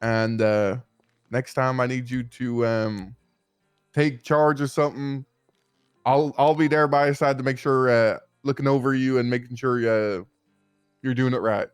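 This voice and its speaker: Brief: a man as a fumbling roleplay cop, smooth clear voice, dry sound. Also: medium pitch, level tone, no echo, faint music behind. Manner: halting, apologetic, many restarts. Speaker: roleplay police officer. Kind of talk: in-character roleplay banter.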